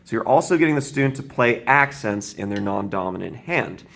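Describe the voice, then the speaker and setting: Gravelly-voiced male drum teacher. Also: on the low side, brisk. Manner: counting beats aloud, explains calmly with frequent "right?". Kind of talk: instructional demonstration. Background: drum kit playing.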